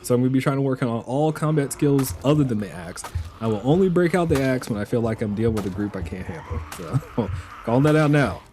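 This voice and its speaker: A man giving relaxed, chatty live commentary while streaming a survival game, laughing often. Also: mid-range voice, fast, faint music behind.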